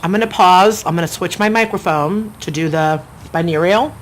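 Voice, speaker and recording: A woman's voice: fairly low pitch, normal speed. Chatty middle-aged woman from Florida. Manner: chatty, rambling, eating between remarks. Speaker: mukbang vlogger. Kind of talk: casual chat while eating. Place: outdoors at her home. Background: faint outdoor ambience, construction noise.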